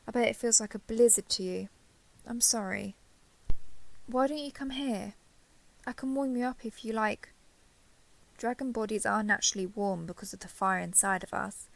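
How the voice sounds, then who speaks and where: A young woman plays a caring giant dragon girl in an intimate audio roleplay, addressing the listener gently and reassuringly with slight hesitation. Her voice is a little high and creaky.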